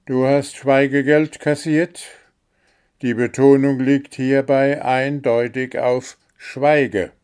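A prickly, vain gnome, played by a man scolds and boasts in a raised, sharp voice. It sits somewhat higher than the narrator, with a gravelly rasp and a slow pace. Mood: scolding. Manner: sharp, scolding, self-important. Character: vain, prickly male gnome, quick-tempered.

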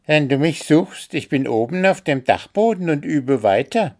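A man's voice: high-pitched, big pitch swings, slow, a little mellow, pitched above the performer's own voice, heavily acted. A man voicing an eager, self-important male amateur musician in a storybook, sulky when stopped.

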